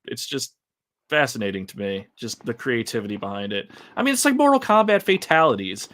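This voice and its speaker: A man's voice: medium pitch, big pitch swings, fairly quick, fairly bright tone. A man giving casual, rambling gameplay commentary on a livestream, laughing and talking to his chat. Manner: chatty, rambling, laughs often, talks to chat.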